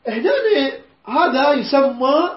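A woman's voice: high-pitched, takes it slowly. A woman with an Iraqi accent teaching a Quran class, patiently repeating words and quizzing her students. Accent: Iraqi Arabic. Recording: roomy dull lo-fi recording.

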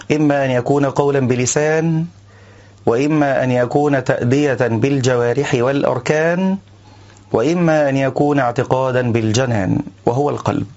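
A man's voice: mid-range voice, a little mellow. Man teaching Quran recitation, formal. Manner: measured formal delivery, slow chanted recitation of verses. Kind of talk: religious lesson on recitation errors. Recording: dull lo-fi recording.

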